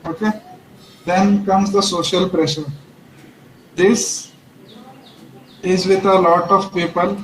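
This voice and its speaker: Man, webinar presenter, high pitch, flat steady delivery, echoey room. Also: slow, long pauses, a little hiss or hum. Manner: works through numbered points, often checks in with "okay?"; restarts and repeats phrases while speaking. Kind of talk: instructional webinar talk. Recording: roomy echo with faint background ambience.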